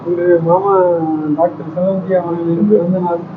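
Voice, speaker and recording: High-voiced man offering brief formal blessings. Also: flat delivery, normal speed. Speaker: former temple trustee. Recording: dull, noisy event recording.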